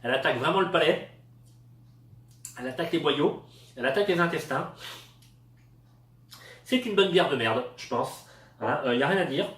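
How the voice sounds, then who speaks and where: Casual male reviewer from France, halting delivery full of fillers, somewhat high voice, echoey room, off-mic. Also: expressive, fairly bright tone, far from the mic. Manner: hesitant, many fillers. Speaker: product tester.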